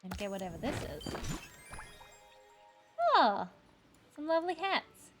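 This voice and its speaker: A woman's voice: mid-range voice, sing-song, unhurried, fairly bright tone. An Australian woman doing casual livestream commentary while she plays a game. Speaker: livestreamer, VTuber. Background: music.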